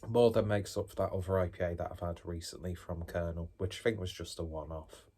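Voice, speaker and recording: A man's voice: sits low, steady tone, brisk, mellow, slightly rough. A man giving a casual tasting review to viewers, musing aloud with chatty, self-deprecating asides. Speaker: beer reviewer, host.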